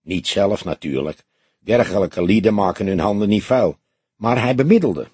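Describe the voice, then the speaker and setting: A man voicing a slight, skittish male café owner who passes on underworld gossip in a confiding, knowing way, with a husky voice. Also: lowish voice, lively intonation, moderate pace, darkish tone, dry recording.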